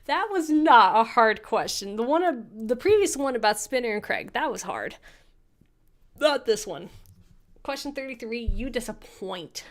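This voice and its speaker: Woman streamer, slightly high voice, loose rambling chat, thinks aloud and answers her chat. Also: lively intonation, moderate pace. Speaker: streamer playing a trivia quiz. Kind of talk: casual live-stream chat.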